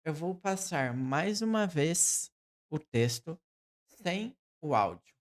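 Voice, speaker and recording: A man with a Brazilian Portuguese accent teaching English pronunciation, repeating each word slowly for the learner. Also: fairly high pitch, lively intonation. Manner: repeats words slowly for drills. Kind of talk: pronunciation lesson.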